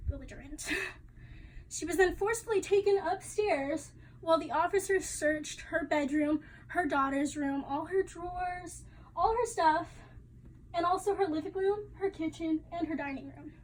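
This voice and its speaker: A woman's voice: high-pitched, a little hiss or hum, low-quality recording. A young woman giving a class presentation, talking casually and chattily with fillers and the odd laugh. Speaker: student presenter.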